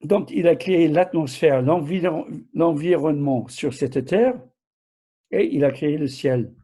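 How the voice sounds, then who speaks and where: An older man preaches informally in a soft-edged, husky voice. His accent blends southern France with America, and his French is a little broken, with halting self-corrections and small questions to the listener. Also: a little high. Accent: mixed southern French and American. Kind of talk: informal Bible teaching.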